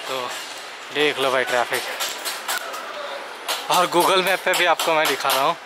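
Young male vlogger, chatty, on a handheld camera outdoors with clear street noise. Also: on the high side, a little slow. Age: young adult. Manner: chatty, addresses viewers as bhai, mixes English phrases. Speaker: travel vlogger. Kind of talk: casual travel vlog to camera. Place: outdoors on rainy streets and forest paths. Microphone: handheld camera at arm's length.

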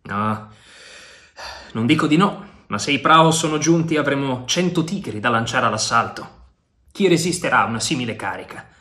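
A man's voice: mid-range voice, lively intonation, moderate pace. Brash pirate comrade, voiced by a male reader, raised voice, urgent, storybook. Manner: urgent, shouting commands. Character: bold brash male pirate adventurer, teasing and loyal.

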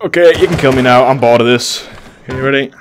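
A man's voice: medium pitch, quick pace, a little hiss or hum. A young man commenting casually on his gameplay, teasing another player with sarcasm. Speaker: gaming YouTuber.

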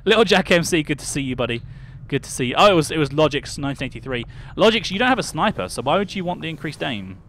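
A man's voice: a little high, big pitch swings, quick pace, a bit bright, slight background noise. A young British man streaming a video game, chatting with viewers, greeting them by name and thinking aloud as he plays. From United Kingdom. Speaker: livestreamer. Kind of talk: casual game livestream chat.

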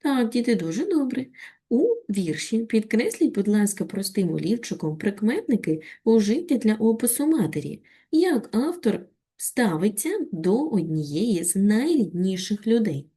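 A woman with a Ukrainian accent teaching a children's reading lesson on video, reciting a poem slowly and expressively, then patiently guiding the class. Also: medium pitch, breathy edge. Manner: slow, expressive poetry recitation. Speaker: primary school teacher.

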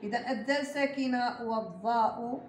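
A woman with a Moroccan Arabic accent teaching Quran recitation to a class, quizzing her students and slowly drawing out each example word. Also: on the high side. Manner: patient, slow and drawn out when modelling recitation; quizzes the class and prompts answers. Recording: echoey room with steady background noise.

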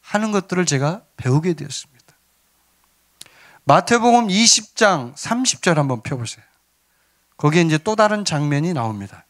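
A man's voice: fairly high pitch, lively intonation, normal speed, pauses often, a bit bright. A man preaching a sermon as pastor, earnest, sometimes acting out pleas and scolding.

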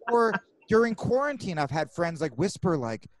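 Male podcast host, animated casual talker, swears a lot. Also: high-pitched. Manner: animated, swearing, quick asides. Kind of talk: casual chat.

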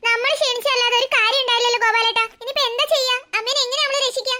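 A woman's voice: extremely high pitch, fairly even intonation, racing, bright, forceful tone. A woman voicing a bossy mother in a cartoon who scolds her kids and frets. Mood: worried. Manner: scolding, fretful.

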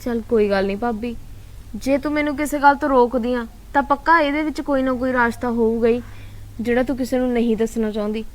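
A woman playing a high-voiced teasing sister-in-law. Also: fast, close to an everyday voice. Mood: reassuring. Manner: lively, chiding, affectionate. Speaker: actress. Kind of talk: Punjabi web drama acting.

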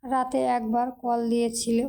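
A woman's voice: on the high side, little pitch movement, normal speed, close to an everyday voice. A woman voicing a timid, tearful young woman who answers hesitantly in a storybook reading. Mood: subdued. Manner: hesitant, soft-spoken.

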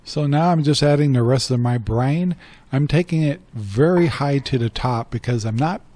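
This voice-over comes from an older man with a medium-pitched, dark-toned voice at moderate pace, recorded with no room sound. He hosts a cooking channel and narrates a home cooking video step by step in a plain, matter-of-fact manner.

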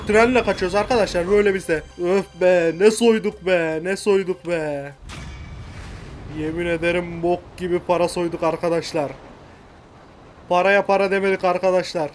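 A man commentating his own game with loud, playful gangster bravado. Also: high-pitched, slight background noise. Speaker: gameplay commentator. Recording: music bed under voice.

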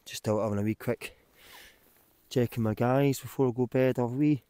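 A man, talking casually to camera from inside a small tent at night, relaxed and rambling with lots of ums. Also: medium pitch, fairly quick, clear, resonant tone, no echo. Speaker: hiking vlogger. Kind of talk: casual vlog talk to camera. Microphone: camera held close while lying down.

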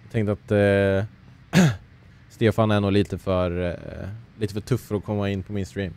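A man streaming himself playing a game, a parent who chats with his viewers and talks at the characters on screen, breaking into sudden yells. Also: fairly low pitch, little pitch movement, clear, resonant tone. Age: adult parent. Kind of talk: live let's-play commentary.

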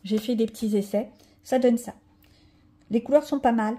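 A woman's voice: a little high, normal speed, warm tone, husky. A woman chatting casually to viewers about her coloring books, rambling with many asides and fillers. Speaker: coloring vlogger. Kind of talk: casual chat showing coloring pages.

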